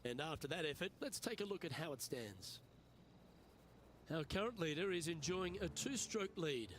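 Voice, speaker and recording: A man's voice: a little high, expressive, moderate pace, a bit bright, slight background noise. A man giving polished broadcast play-by-play commentary in a golf video game. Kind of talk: sports commentary.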